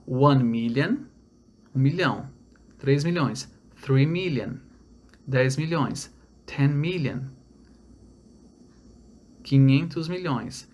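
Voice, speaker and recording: Brazilian guy teaching english numbers, slows way down on the english words, keeps going "tá?". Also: on the high side. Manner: explains step by step, repeats numbers slowly in English; checks in with "tá?" and "olha lá". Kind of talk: online language lesson.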